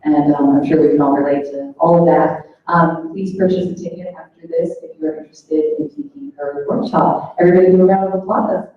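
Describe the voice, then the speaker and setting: A woman's voice: on the low side, brisk, phone-quality sound. Woman announcer, distant in echoey hall. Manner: reads introduction with filler ums. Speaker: event announcer. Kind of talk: introducing a speaker.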